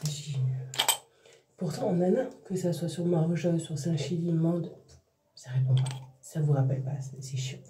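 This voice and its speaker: This exhausted vlogger mom speaks in a lowish, warm voice at normal speed, pausing often as she vents to camera in restarts and trailing phrases. There's a little hiss or hum. The recording is roomy and echoey, her voice somewhat far from the mic.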